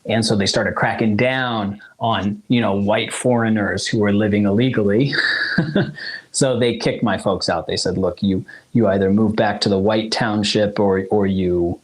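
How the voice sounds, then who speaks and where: A man in his forties, a South African musician whose first language is Zulu, shares his family story as a guest in a laid-back interview, rambling and often laughing or restarting. He speaks unhurriedly in a fairly low voice with fairly even intonation, captured in a low-quality recording.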